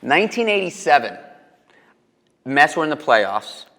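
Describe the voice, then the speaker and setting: A man from New York City hosting a podcast, telling stories excitedly and swearing a lot. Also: on the high side, a little slow, vocal fry. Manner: excited storytelling, heavy swearing. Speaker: podcast host. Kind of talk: casual podcast chat. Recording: long reverb.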